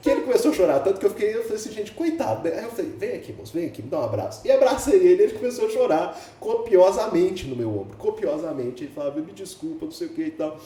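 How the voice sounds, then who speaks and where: A man's voice: sits high, very animated, racing, hardly any pauses, crowd noise. A man with a Brazilian Portuguese accent, a podcast guest telling a story with energy, acting out the dialogue and laughing often. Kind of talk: animated storytelling. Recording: echoey room, mic at a distance, faint background hiss.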